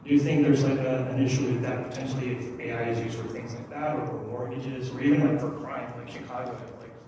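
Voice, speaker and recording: A man's voice: mid-range voice, level tone, a little fast, dark tone, a little hiss or hum. A man asking a panel a question in a casual way, filling with "like". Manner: casual, uses "like" as filler. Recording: echoey hall, distant mic.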